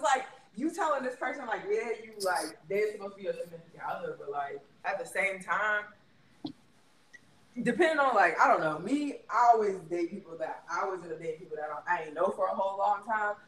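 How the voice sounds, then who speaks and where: A man with a high voice talks in a loose, rambling way, full of fillers and easy laughs. His voice rings in a roomy space over a faint background hum. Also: lively intonation, fairly quick, fairly bright tone, far from the mic. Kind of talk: casual chat.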